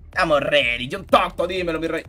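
An excitable male streamer with a slightly high voice narrates his fighting-game matches in loose, slangy bursts. He calls out to his chat by name between rounds. Game music plays clearly behind him. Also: fairly quick. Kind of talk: live gameplay commentary.

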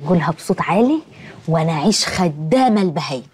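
A woman playing a cheeky, sharp-tongued village wife in a sitcom. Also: low-pitched, animated, fast, a little hiss or hum.

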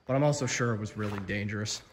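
A man's voice: lowish voice, fast, slight background noise. A young man exploring an abandoned quarry cave, chatting to his phone camera with lots of fillers and amazement. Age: young adult. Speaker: explorer vlogger. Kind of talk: casual exploring vlog. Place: abandoned stone quarry cavern. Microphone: phone held at arm's length. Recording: long cavern reverb.

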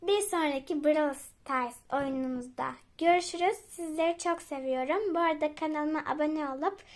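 A woman hosting a gaming channel, chatting excitably to her viewers as she plays. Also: sits high, moderate pace. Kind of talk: casual gameplay commentary.

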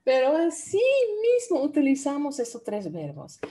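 A woman teaching an online language lesson, lively and playful, with a Dominican Spanish accent. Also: high-pitched, normal speed, a little hiss or hum. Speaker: Dutch teacher.

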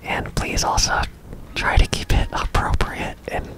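Whispering ASMR gaming host. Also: unhurried. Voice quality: breathy unvoiced whisper. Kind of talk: whispered ASMR game commentary.

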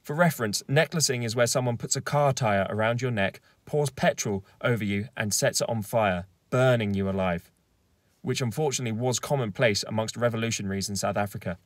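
A young man in his twenties, his voice fairly low and fairly quick, delivers scripted political commentary from inside a car in a firm, argumentative, lecturing manner. A camera faces him at close range, and there is no echo.

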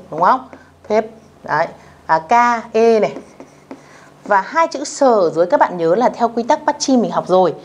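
A woman teacher with a voice of middling pitch walks beginners through a language lesson. She is patient and repeats each phrase slowly. She keeps pausing to ask whether everyone has followed along. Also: a little mellow.

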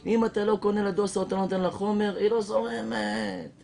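A man voicing a laid-back, stoned male drug dealer who talks in mellow street slang. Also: high voice, flat delivery, vocal fry, a little hiss or hum, voice pushed down.

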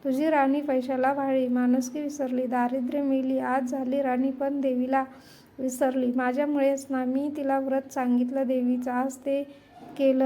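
A woman voicing a bitter, scolding old beggar woman who is a goddess in disguise, in a storybook tale. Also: high-pitched. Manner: soft-spoken, scolding.

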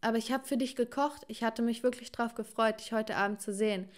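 A woman voicing a clingy, hurt boyfriend in his thirties in an animated story. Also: fairly high pitch, a little fast, natural voice. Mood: pleading.

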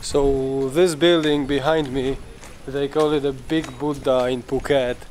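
Brief: unhurried male vlogger, casual broken English, light street sounds behind. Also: medium pitch, slight background noise. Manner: relaxed, unpolished English, chatty tour-guide asides. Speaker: vlogger, channel owner. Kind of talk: casual travel vlog talk. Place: outdoors at a tourist site.

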